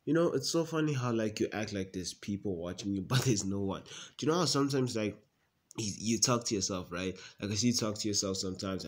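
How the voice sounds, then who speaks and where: A man's voice: lowish voice, close to an everyday voice. A man doing a teasing, nagging young brother. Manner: teasing, mocking, keeps raising his voice. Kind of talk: comedy sketch acting.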